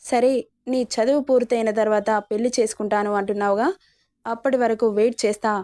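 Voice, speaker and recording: Menacing young male villain, taunting and cruel, voiced by a woman narrator; flat, higher delivery, dry sound. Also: a little fast, dry recording, lightly acted. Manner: threatening, taunting.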